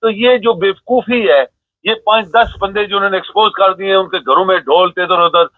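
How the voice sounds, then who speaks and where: A man's voice: sits high, steady tone, fairly quick, no room sound. Heated man over a tinny phone line. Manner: emphatic, repetitive, scolding. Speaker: phone-in guest commentator. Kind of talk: heated political commentary.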